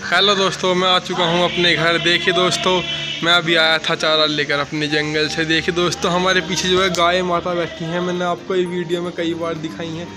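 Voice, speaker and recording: High, flat-voiced young village vlogger. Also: male voice, brisk, low-quality recording. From Uttar Pradesh, India. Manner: guides viewers, keeps saying "friends". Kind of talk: casual walking tour vlog. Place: outdoors in village fields and lanes. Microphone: phone held at arm's length. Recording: loud background music under voice. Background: music.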